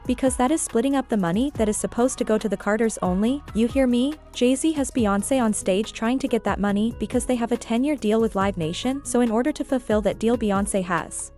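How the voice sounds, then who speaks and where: A woman's voice: on the high side, fairly quick, few pauses, dark tone, faint music behind. A woman delivering scripted entertainment gossip commentary as a narrator.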